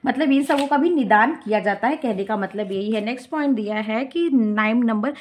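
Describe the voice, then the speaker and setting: A woman's voice: a little high, moderate pace, darkish tone. A young woman teacher lecturing on education. She reads through points, explains them with English terms and keeps asking rhetorical questions. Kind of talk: classroom lecture explaining notes.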